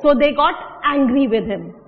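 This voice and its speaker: A woman's voice: high voice, expressive, normal speed. A woman with an Indian English accent teaching a classroom English lesson, patiently asking questions and repeating words. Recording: dull, lo-fi audio with long reverb.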